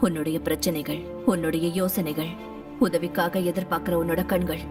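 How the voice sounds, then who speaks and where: An actress playing a grieving mother haunted by her dead children, speaking calmly and cryptically in a film. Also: on the low side, moderate pace, music in the background, close to an everyday voice. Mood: cryptic. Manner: calm, cryptic, intense. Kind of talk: film dialogue. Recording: distant mic under film score.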